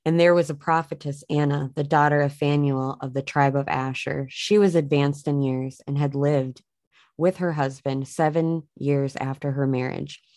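Low-voiced woman reading scripture aloud. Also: fairly even intonation, darkish tone, dry recording. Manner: earnest, halting with fillers when speaking off the cuff. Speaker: podcast host reading scripture. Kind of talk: Bible reading with informal reflection.

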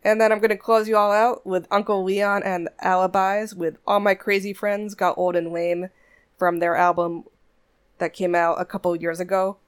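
A woman's voice: medium pitch, little pitch movement, normal speed, smooth. A woman hosting a music podcast, chatting casually between songs with frequent laughs and asides. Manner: chatty, warm asides, laughs often, restarts.

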